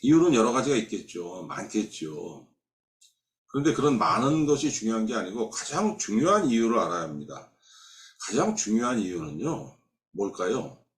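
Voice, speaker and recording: A man preaching a Sunday sermon as pastor, emphatic, acting out quoted voices and dropping suddenly to soft. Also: on the low side, very animated, moderate pace. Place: church sanctuary. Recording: roomy church sanctuary sound.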